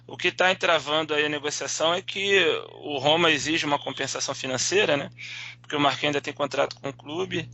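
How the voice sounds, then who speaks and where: A man's voice: on the high side, vocal fry, bright, forceful tone. A talkative man who chuckles often, offering opinions on a casual football chat show. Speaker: podcast panelist. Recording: dull lo-fi sound.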